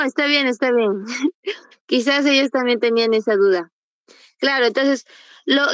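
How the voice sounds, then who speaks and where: Over a video call's computer mic, a Peruvian woman who preps students for university entrance patiently sounds out sample words and quizzes the class. Her voice is on the high side, and the recording is muffled but echo-free.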